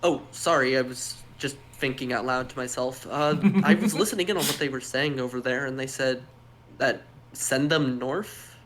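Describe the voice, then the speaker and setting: A man's voice: medium pitch, moderate pace, a bit bright, slight background noise, lightly acted. A man playing an awkward, stammering young shopkeeper. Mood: nervous. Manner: hesitant, stammering, apologetic. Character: awkward, nervous young male shopkeeper far from home. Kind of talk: tabletop role-play.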